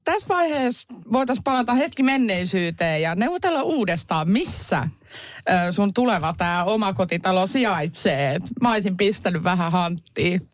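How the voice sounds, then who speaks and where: A woman's voice: mid-range voice, animated, no echo. Woman podcast co-host with a mid-range voice and a dry, close sound, playful and teasing. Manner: teasing, quick reactions, playful. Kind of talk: casual chat.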